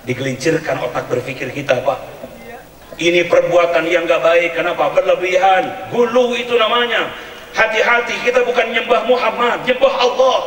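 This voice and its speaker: A man preaching a sermon at a community religious gathering, speaking in an animated, humorous way and chanting verses in a sing-song tone. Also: high-pitched, moderate pace. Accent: Indonesian. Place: community event hall or tent. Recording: echoey hall, distant mic.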